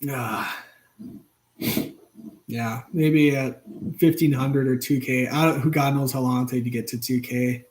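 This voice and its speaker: A man's voice: medium pitch, fairly even intonation, a little slow, pauses often, darkish tone. A man in his thirties hosting a live stream from his home workshop, chatting loosely with many fillers and restarts. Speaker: channel host. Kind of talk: casual live-stream chat.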